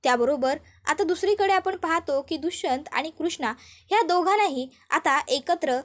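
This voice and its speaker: A woman narrating a TV serial recap in steady storytelling, with repeated linking phrases. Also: high-pitched, normal speed.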